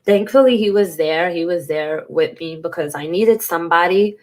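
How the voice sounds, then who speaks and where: Here a woman vlogger with a lowish voice speaks at a normal speed in a candid piece to camera. Congestion makes her sound stuffy as she talks openly and emotionally, dropping casual swear words.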